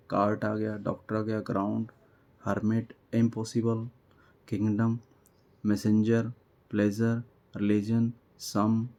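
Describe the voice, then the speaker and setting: Slow, patient male teacher with mellow voice. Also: lowish voice. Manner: slow, patient explaining, spells out letters one by one; reads English text aloud slowly, then translates it. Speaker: English teacher. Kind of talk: classroom lesson explaining workbook exercises.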